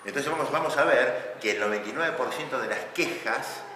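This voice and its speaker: A man giving a lively lecture on couples' communication, acting out shouted examples. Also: mid-range voice, a little fast. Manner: animated, acts out shouting examples, laughs often. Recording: echoey hall, mic at a distance, audible noise.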